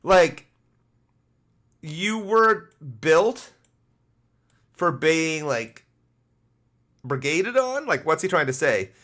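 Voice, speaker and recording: A man's voice: a little high, sing-song, takes it slowly, long pauses, a bit bright. A Canadian man giving casual, sarcastic live-stream commentary, swearing freely and greeting chat viewers by name. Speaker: gaming streamer.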